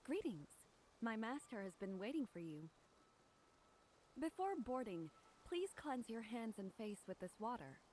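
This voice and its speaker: A woman's voice: on the high side, sing-song, measured pace, long pauses, a little mellow, a little hiss or hum, low-quality recording. An actress playing a polite, deferential female servant in a martial arts game, formal and courteous. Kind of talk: scripted game voice acting.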